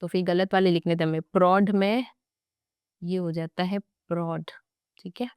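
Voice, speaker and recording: A young woman teaching grammar for exam prep, chatty and playful as she talks to her students. Her voice sits a little low and smooth, recorded close in a dry room. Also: steady tone, moderate pace, a little mellow, dry recording.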